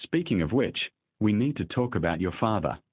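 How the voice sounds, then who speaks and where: A determined young wife done playing the perfect, quiet spouse, given by a male narrator without changing his voice. The reading is steady, low and slightly husky, with a lively lilt. The sound is dry and thin, like it came down a phone line. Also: brisk. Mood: tender. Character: resolute young wife done being passive.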